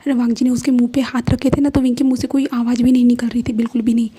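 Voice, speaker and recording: A woman narrating a fan fiction story in Hindi-English, in a soft, often whispered voice. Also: on the high side, level tone, rapid-fire, husky.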